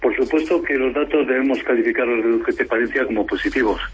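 A man, a union official, speaking in a measured, explanatory way during a radio interview, heard over a muffled phone line. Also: medium pitch.

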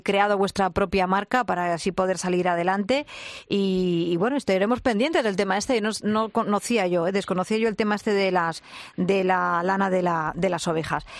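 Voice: mid-range voice, dry recording, studio quality. A radio host interviewing a guest in a chatty, sympathetic way with many small fillers.

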